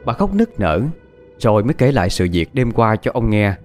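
A low-pitched man narrates a ghost story with dramatic suspense. His voice rises and falls in lively swings, and faint music plays behind him. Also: normal speed.

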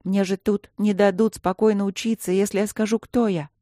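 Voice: mid-range voice, little pitch movement, normal speed, warm tone, no room sound, studio quality, voice pushed up, natural voice. A reader voicing a curious, stubborn young student princess. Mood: pleading. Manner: curious, insistent.

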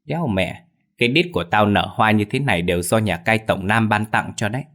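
A man voicing a crude, foul-mouthed male thief who yells, curses and scolds his friend in a raised voice. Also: fairly low pitch, a little fast, natural voice. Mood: scolding. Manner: loud, cursing, scolding.

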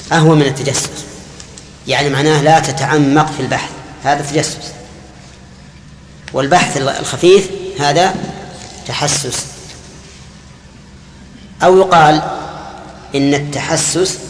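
An older sheikh with a slightly high male voice gives a classical lesson on hadith commentary, explaining term by term, quizzing his students and dropping Gulf colloquial asides. He's recorded in an echoey hall with faint room hiss.

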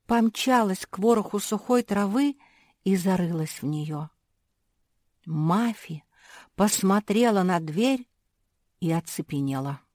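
A woman narrating a children's audiobook in a calm, measured storytelling manner. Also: fairly low pitch, dry recording, studio quality.

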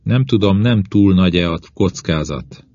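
Man doing a nervous careful expedition boss, low deep voice, dull dry recording. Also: warm tone. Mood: hesitant. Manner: hesitant, careful. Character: cautious male expedition leader, worried.

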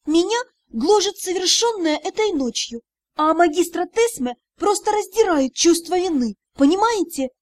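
Flustered young student girl, high and bright, as a woman reads her, dry close sound. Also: normal speed, no echo. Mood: indignant. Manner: pleading, indignant. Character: flustered young female magic student, tearful, indignant.

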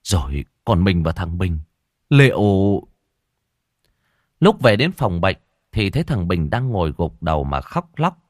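A man narrating a horror story in a dramatic, expressive way. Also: deep voice, unhurried, pauses often, dry recording, clean studio sound.

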